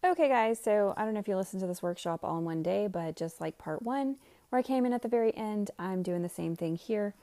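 A woman's voice: mid-range voice, lively intonation, brisk, dark tone. A woman leading an informal self-help workshop, rambling as she thinks aloud. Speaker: workshop presenter.

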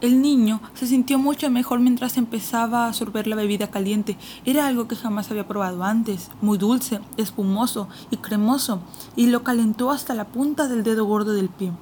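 A woman narrating a children's fantasy audiobook in a steady, measured reading voice. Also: fairly high pitch, slight background noise. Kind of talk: scripted storybook narration.

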